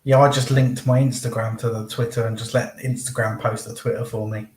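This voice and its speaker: A man's voice: mid-range voice, flat delivery, a little fast, darkish tone, echoey room. A man, a guest on a live stream, chatting in an easygoing way and laughing often. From England. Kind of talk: casual live-stream chat.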